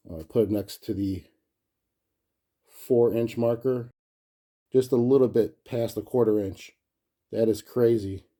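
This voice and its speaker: This is a collector presenting a gadget review in a warm, medium-pitched male voice. He talks casually, thinking aloud in an easygoing, off-the-cuff style as he handles the device.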